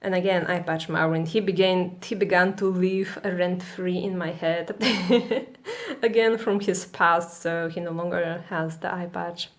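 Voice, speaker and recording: A woman's voice: lowish voice, steady tone, unhurried. A woman casually narrating over a flip through her sketchbook, rambling and giggly with lots of fillers and restarts, enthusiastic about her characters. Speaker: artist showing her sketchbook.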